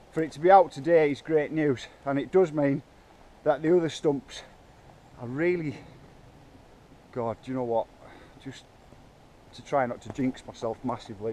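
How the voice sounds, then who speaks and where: A man's voice: mid-range voice, darkish tone, slight background noise. A man vlogging as he works on a bike park trail in the woods, chatting casually with lots of hesitations and filming himself on a handheld camera. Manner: chatty, hesitant, self-talk while working. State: out of breath. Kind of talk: casual vlog narration. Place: outdoors in woods.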